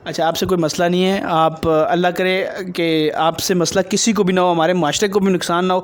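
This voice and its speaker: A man's voice: sits high, flat delivery. A man interviewing a dancer for his video, probing her and lecturing her on religion and morals.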